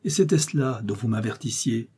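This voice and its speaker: A man voicing a shaken young gentleman who cries out in high, strained bursts, in an audiobook reading. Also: brisk, slightly rough. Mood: anguished.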